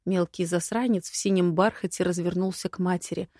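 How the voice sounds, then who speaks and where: A woman narrating a first-person audiobook in a wry, lively storytelling manner. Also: on the low side, fairly quick, no room sound, studio quality.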